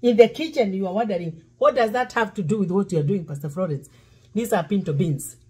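A middle-aged woman pastor gives a sermon during a cooking demo in her home kitchen, sometimes breaking into song. She speaks briskly in a warm, mid-range voice with a breathy edge, recorded by a fixed camera across the counter.

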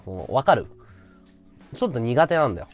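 A man's voice: medium pitch, very animated, fairly quick, faint music behind. A man hosting a casual livestream chat, talking freely and thanking viewers for gifts. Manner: chatty, reacts to viewer gifts. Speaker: livestream host.

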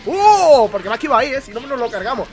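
A young man from Spain with a Spanish accent, commentating his own online game match in fast, excitable bursts and cursing at his own mistakes. He sounds under the weather, with a cough. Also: extremely high pitch, soft background music. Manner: excitable, swearing at mistakes, counting out combos. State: ill with a cough. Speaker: gaming YouTuber. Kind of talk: live gameplay commentary.

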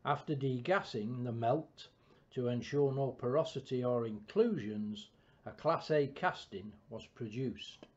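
A man giving a scripted, measured technical narration of an engineering build, with a dull lo-fi recording. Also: mid-range voice, a little mellow. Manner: measured, precise technical delivery. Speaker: project narrator.

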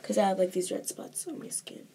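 A teenage girl rambles casually to the camera in her bedroom for a home vlog, her medium-pitched voice animated, brisk and warm, with plenty of fillers. It's a noisy home recording with dogs barking in the background.

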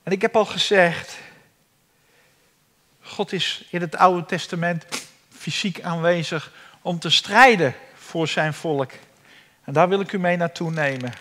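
A man's voice: high voice, measured pace, long pauses, sharp tone. A man preaching a sermon as pastor, dramatic and emphatic, acting out cries for help. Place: church hall. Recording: long reverb of a church hall.

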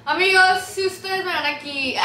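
A young woman with a Mexican accent talks loudly and playfully at a couple's vlog table, her voice high and piercingly bright. The room rings with echo while faint music plays underneath. She teases and laughs her way through casual chat. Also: slight background noise. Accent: Mexican Spanish. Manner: loud, teasing and animated, often laughing. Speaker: vlogger hosting a couple's mukbang.

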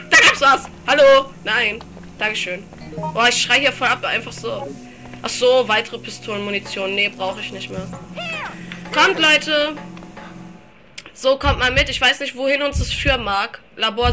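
A woman giving casual, chatty gameplay commentary, reading game text aloud, giggling and swearing playfully. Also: fairly high pitch. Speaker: let's play commentator.

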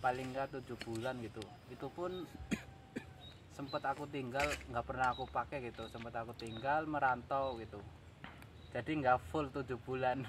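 In a casual vlog, a young adult man explains he is selling his camera gear, his mid-range voice at an ordinary pace. He is out on grass by a rice field, and a camera several metres away picks him up with noisy sound.

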